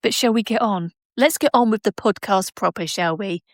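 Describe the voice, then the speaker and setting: A woman's voice: medium pitch, moderate pace, no echo, clean studio sound. A woman hosting a podcast from home, chatting in a digressive way and laughing often. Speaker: podcast host. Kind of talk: casual chat. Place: at home by patio doors.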